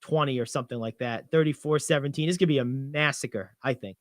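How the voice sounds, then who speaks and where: A young man co-hosting a sports radio show, animated and confident as he talks through football picks, piling on "I think". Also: mid-range voice, quick pace, no room sound, studio quality. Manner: animated, gets louder when excited, many "I think"s. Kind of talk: sports betting talk.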